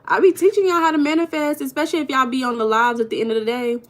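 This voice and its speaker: A fast-talking woman with a high-sitting voice and fairly even intonation hosts a relaxed livestream from Los Angeles. She has an American accent and reads viewer comments aloud, throwing back slangy, teasing remarks.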